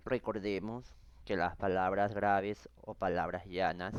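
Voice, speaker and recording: A man, teaching a recorded grammar lesson and reading out word lists slowly and carefully. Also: deep voice, fairly even intonation, smooth, no room sound, dull audio. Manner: slow, measured dictation of word lists.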